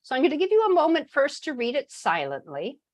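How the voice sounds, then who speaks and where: Animated woman leading an online workshop. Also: sits high, a little fast. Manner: animated, chatty, laughs easily. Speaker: teacher trainer. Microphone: video call microphone.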